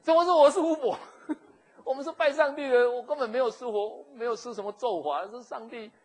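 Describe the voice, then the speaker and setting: A man voicing an indignant young wife in a high, loud falsetto. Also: brisk.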